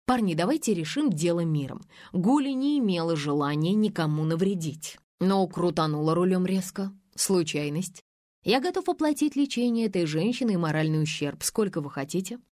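Woman doing a low smug businessman. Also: lively intonation, moderate pace, a little mellow, no room sound, studio quality, natural voice. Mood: placating. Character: rich businessman, dismissive and smug.

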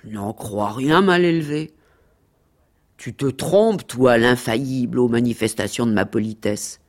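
A woman reading aloud as a timid, affectionate little dog, with a slow, lilting literary delivery in an archival radio reading. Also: extremely low pitch, a little mellow. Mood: earnest. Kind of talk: archival radio reading of a dialogue between animals.

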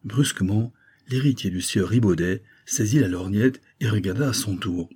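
Low, mellow male narrator. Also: normal speed, slightly rough. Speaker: audiobook narrator. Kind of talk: scripted narration.

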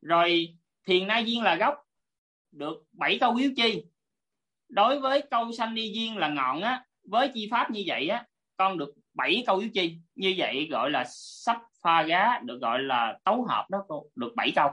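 A woman's voice: medium pitch, expressive, normal speed, fairly bright tone. A woman teaching an online class over a video call, politely explaining step by step and repeating her points.

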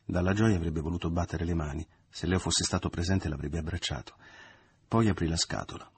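A man narrating a novel in a measured literary reading. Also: low voice, steady tone, slight background noise. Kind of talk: audiobook reading.

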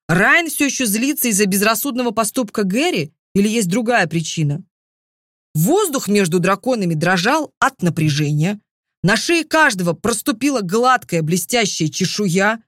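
A woman narrating a first-person fantasy audiobook in a lively, expressive storytelling manner, close to the mic. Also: mid-range voice, no room sound.

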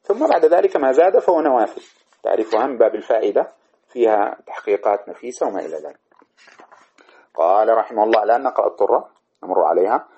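A man giving a classical grammar lesson in a mid-pitched voice. He works through each point step by step, repeating and correcting himself as he goes. The recording is dull and lo-fi. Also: sing-song, rapid-fire, warm tone. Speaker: teacher. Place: study room with camera.

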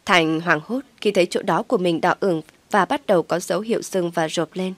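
A woman's voice: lowish voice, brisk, dry recording. A woman narrating a drama story, reading evenly and steadily.

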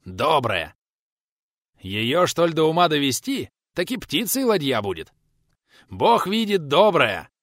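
Male reader as loud, hearty medieval boatman; raised, lively voice; folksy archaic speech. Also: medium pitch, normal speed, no room sound, clean studio sound. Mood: enthusiastic. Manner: shouting over wind, folksy old speech. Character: brash bold middle-aged boatman, hearty and loud. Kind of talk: audiobook character voice.

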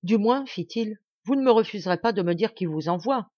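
Woman doing a proud young marquis, cool, controlled, dry close sound, muffled highs. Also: brisk, no echo, close to an everyday voice. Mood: commanding. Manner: calm, restrained, then shrill and cutting.

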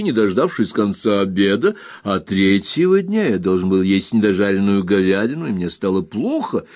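A man reading a gentle young husband. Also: lowish voice, dry recording, clean studio sound. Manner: soft, earnest, pleading.

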